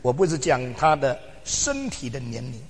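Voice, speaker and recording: An older man preaching a sermon, emphatic, swinging from loud exclamations to quiet asides and slipping into English phrases. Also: medium pitch, very animated, moderate pace, slightly rough. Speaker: pastor. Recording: long hall reverb.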